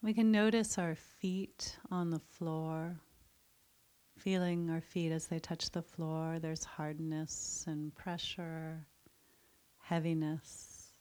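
Guiding a mindfulness meditation, a woman speaks in a soft, soothing voice pitched a little low. She goes very slowly with long pauses between phrases, and her tone is level, clear and resonant.

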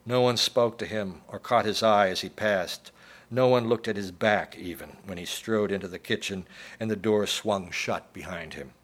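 A man with a fairly low voice reads his own short story aloud at a college event. His delivery is measured and steady, paced for a listening audience, the way an author presents his fiction. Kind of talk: literary reading to an audience. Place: college humanities center event.

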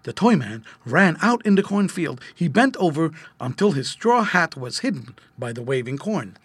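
A man narrating a children's storybook aloud in an expressive, lively read. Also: fairly high pitch, moderate pace, husky, no echo.

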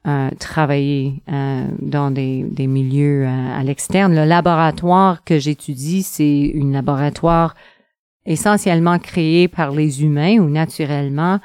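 A middle-aged researcher answers interview questions in a low, smooth, resonant voice. She speaks hesitantly, with frequent pauses and fillers. The sound is close and dry. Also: steady tone, darkish tone, no room sound. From northern Ontario.

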